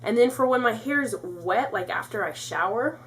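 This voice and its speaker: A woman's voice: a little high, expressive, moderate pace, fairly bright tone, a little hiss or hum. A young woman reviewing her favorite beauty products in a chatty way, full of "like", congested and a bit out of breath. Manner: chatty, lots of "like" fillers. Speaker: beauty vlogger.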